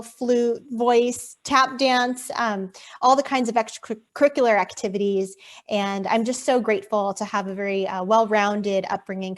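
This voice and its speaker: A woman from Arizona answering interview questions over a video call in an articulate, poised way. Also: medium pitch. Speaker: guest.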